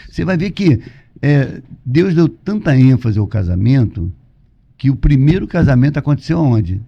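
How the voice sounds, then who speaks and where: A man's voice: mid-range voice, big pitch swings, moderate pace, vocal fry. A Brazilian man, a pastor, preaching conversationally and emphatically, repeating points and asking rhetorical questions. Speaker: pastor, podcast guest. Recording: dull lo-fi audio.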